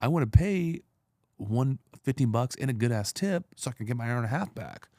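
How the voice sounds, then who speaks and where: A man's voice: mid-range voice, lively intonation, brisk, darkish tone, no echo, clean studio sound. A man in his thirties, an entrepreneur guest, telling blunt, profane stories in streetwise slang. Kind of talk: casual storytelling.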